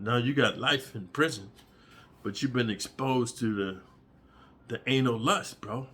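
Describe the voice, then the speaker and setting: A man tells a story in a loose, crude monologue with a bright, forceful tone at an ordinary pitch. He rambles and leans on "dude" and "bro", and now and then leaps into high, squeaky voices for the people he quotes.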